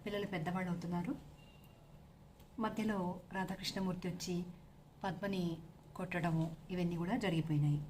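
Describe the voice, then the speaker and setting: A woman narrating a serialized novel aloud in a steady storytelling manner. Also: mid-range voice, slight background noise.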